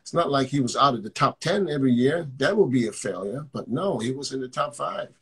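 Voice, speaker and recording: An animated, brisk coach hosts a live stream from a hotel room, chatting casually with callers. His mid-range voice is creaky, a bit bright, and husky, and his style is blunt and joking, with frequent word repetition.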